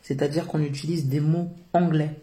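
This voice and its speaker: In an interview about her work, a middle-aged French founder of a social work business answers earnestly and hesitantly, with plenty of filler sounds. Her voice is deep and warm, moving at a moderate pace with fairly even intonation.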